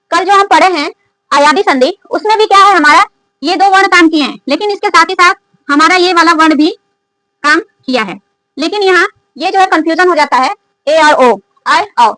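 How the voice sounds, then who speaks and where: A woman's voice: extremely high pitch, sharp tone, dry recording, poor audio. A woman teaching a grammar lesson, who keeps asking her viewers questions and then answers them herself. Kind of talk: classroom-style grammar lesson.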